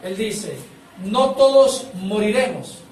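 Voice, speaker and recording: A man's voice: high voice, animated, slow pace, darkish tone, echoey room, recorded from a distance, a little hiss or hum, low-quality recording. A man preaching a sermon as pastor, prompting the congregation to repeat phrases back to him.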